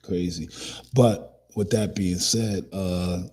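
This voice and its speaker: A man's voice: low-pitched, fairly even intonation, slow, warm tone, husky. A man hosting a casual commentary talk, rambling with many restarts and fillers. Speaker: podcast host.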